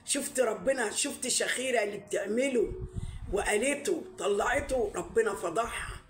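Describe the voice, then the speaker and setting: A woman's voice: a little high, moderate pace, echoey room. Scolding Egyptian woman ranting. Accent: Egyptian Arabic. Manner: scolding, indignant, full of rhetorical questions. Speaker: YouTube commentator. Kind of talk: ranting commentary to camera.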